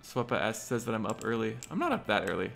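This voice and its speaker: Gravelly low-voiced man streaming a game. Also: huge pitch swings, quick pace, a bit bright. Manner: muttering to himself while planning, talking to chat. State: hiccups. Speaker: livestreamer. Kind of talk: casual gameplay commentary.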